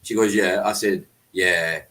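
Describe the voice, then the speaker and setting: A man's voice: deep voice, steady tone, a little slow, bright, forceful tone. A man chatting casually as a football fan podcast host, slangy and emphatic, repeating himself for effect. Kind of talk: casual chat.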